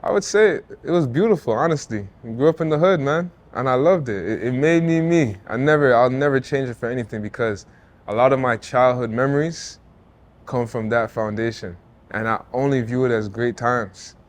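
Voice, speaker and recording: A laid-back man with a mid-pitched voice speaks at normal speed as an interview guest; he's a former football player and artist, from Jamaica and raised in Toronto. His casual, reflective talk is earnest, with frequent "you know" and "like" and some restarts.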